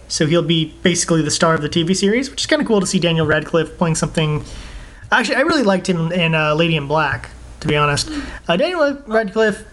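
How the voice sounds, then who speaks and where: A young man co-hosting a podcast, chatting casually about games and movies in a rambling, excitable way, laughing often. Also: high-pitched. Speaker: podcast co-host.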